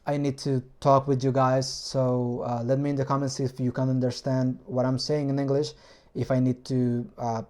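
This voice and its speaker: Speaking at a medium pitch with a level, mellow delivery, this Spanish-accented man explains his hobby engine build in a relaxed vlog. Spanish is his native language, and he frequently stops to find the right words in his second one.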